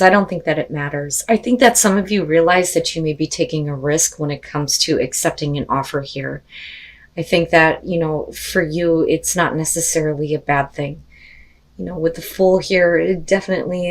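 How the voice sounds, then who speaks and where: A woman, slightly hoarse from losing her voice, doing a casual tarot card reading, chatty and full of "you know" and "like" fillers. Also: low voice. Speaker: tarot reader.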